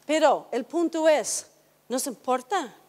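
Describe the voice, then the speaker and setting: A high-pitched woman lectures in a relaxed, conversational way and keeps turning questions back to her audience. Her voice carries a long reverb, as if recorded in a large hall. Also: takes it slowly. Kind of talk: educational talk to an audience.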